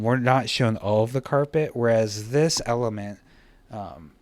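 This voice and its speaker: A man talks through a slideshow lesson on art composition in a relaxed, unscripted way, full of fillers and little self-deprecating asides. His voice sits at an ordinary middle pitch. The sound is dry and close, with no room echo. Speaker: teacher.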